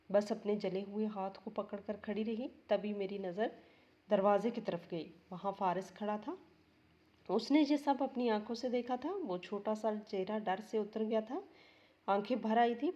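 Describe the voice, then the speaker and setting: A woman narrates a heartfelt first-person story at a slow, sorrowful pace. Her voice is warm and mellow. The recording is dull and slightly lo-fi. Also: medium pitch.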